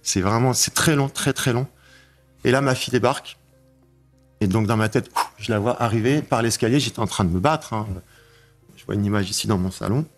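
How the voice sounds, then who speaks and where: A man giving an emotional testimony, telling his story in a halting way, repeating himself and raising his voice when he relives the moments. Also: lowish voice, soft background music. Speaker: interviewee recounting a break-in.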